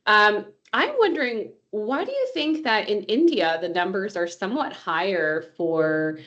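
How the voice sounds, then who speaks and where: Lowish-voiced woman co-host. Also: a bit bright. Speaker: co-host asking questions. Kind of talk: conversational webinar questions. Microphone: video call. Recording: dull video call audio.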